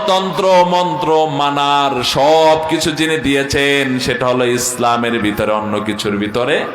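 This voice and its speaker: A man preaching a sermon at a religious gathering, firing rhetorical questions at the crowd, swinging between loud declaiming and low asides, and chanting Arabic lines. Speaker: preacher at a Quran commentary gathering. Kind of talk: Bengali waz sermon. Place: outdoor religious gathering with loudspeakers. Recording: echoey public address sound.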